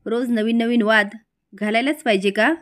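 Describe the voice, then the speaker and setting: A woman's voice: fairly high pitch, fairly even intonation, normal speed, close to an everyday voice. A woman reading an exasperated scolding husband. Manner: exasperated, reproachful. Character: exasperated middle-aged husband, scolding his wife.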